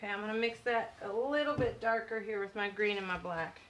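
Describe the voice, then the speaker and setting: A woman's voice: mid-range voice, brisk, a bit bright, rough recording. Southern lady doing a live painting lesson on her phone, chatty, narrating every step, bit of background hiss. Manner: loose, chatty, talks through each step. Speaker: painting instructor. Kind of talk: live-stream painting tutorial. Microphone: phone on live stream.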